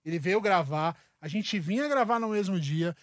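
A man's voice: high-pitched, animated, moderate pace, no room sound, studio quality. A man with a Brazilian accent hosting a casual podcast chat, informal, slangy and effusive. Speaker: podcast host.

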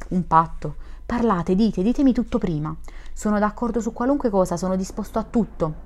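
A woman's voice: medium pitch, brisk, darkish tone, lightly acted. A woman reading the part of a shy, effusive young male dreamer in a classic novel, in an earnest, gushing manner. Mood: eager.

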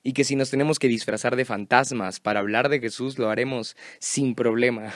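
Brief: male preacher, chatty sermon style, mid pitch, dry booth sound. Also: steady tone, brisk, dry recording. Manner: conversational, asks the listener questions. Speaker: youth preacher. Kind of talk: devotional sermon podcast.

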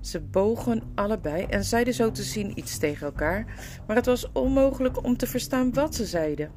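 A woman giving lively, expressive storybook narration for an audiobook. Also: fairly high pitch, moderate pace, faint music behind.

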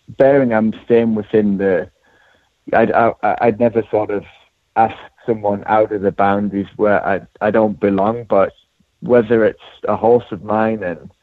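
A man with a Durham accent from north-east England talks in a modest, self-deprecating way. His voice is on the low side. The sound is thin and narrow, like a phone interview on the radio, and quite dry. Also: no echo. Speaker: racehorse trainer, interview guest. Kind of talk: conversational interview.

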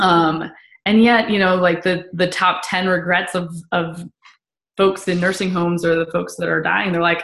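A woman's voice: lowish voice, vocal fry. Chatty woman in a roomy echo. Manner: animated, many fillers. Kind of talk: casual chat.

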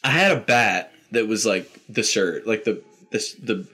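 A man's voice: lowish voice, expressive, a little slow, sharp tone, breathy edge. A young man talking casually with a friend, his speech loose and full of fillers. He breaks into laughter often while rambling through stories. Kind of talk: casual chat.

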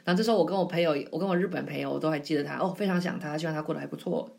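Woman, mid-twenties, slightly low pitch; chatty solo podcast host, digressive and self-deprecating. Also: rapid-fire, gravelly, a little mellow. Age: 20s. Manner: chatty, rambling, self-mocking. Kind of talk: casual solo storytelling.

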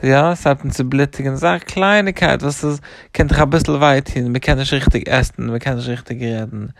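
A man's voice: mid-range voice, a little fast, vocal fry. A middle-aged man, a rabbi, patiently explaining to a child and listing things with devout, repeated thanks.

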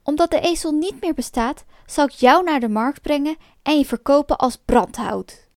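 A woman voicing a greedy, angry man in a storybook reading, speaking loudly and blustering. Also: high voice, animated, normal speed, dry recording, clean studio sound. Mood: furious. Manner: loud, blustering. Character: angry greedy man who bought the donkey.

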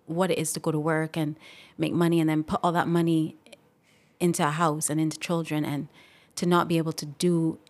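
A woman's voice: sits low, little pitch movement, a little fast. A young adult woman speaking as a podcast guest, reflective and open, laughing off moments of emotion. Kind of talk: casual interview talk.

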